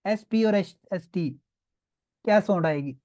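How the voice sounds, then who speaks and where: A man's voice: sits high, measured pace, dark tone. A man teaching a beginners' online class, patiently drilling sounds and often checking that students follow. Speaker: language teacher.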